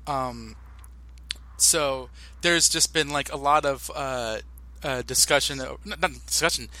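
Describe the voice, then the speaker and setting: A young American man co-hosting a podcast in casual, animated talk, often restarting his sentences. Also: medium pitch. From United States. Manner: animated, halting with many restarts and fillers. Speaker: podcast co-host.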